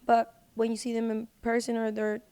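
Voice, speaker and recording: A woman appears as a guest on a podcast recording, chatting casually in informal, slangy language and using "like" as filler again and again. Her voice is fairly high, warm, clear and resonant, delivered briskly in a monotone.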